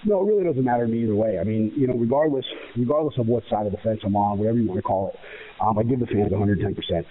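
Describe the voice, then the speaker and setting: American male wrestler interviewee, emphatic and repetitive, quick delivery, heard through a thin phone-like line. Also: fairly low pitch. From United States. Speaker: professional wrestler being interviewed. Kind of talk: spoken interview answers. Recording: muffled, narrow phone-like radio sound.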